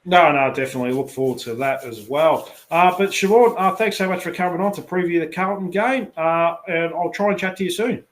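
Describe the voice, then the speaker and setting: A man's voice: high voice, brisk, hardly any pauses. A man with an Australian accent hosting a casual football podcast, rambling through names with many fillers and restarts. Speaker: podcast host. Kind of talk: casual footy chat.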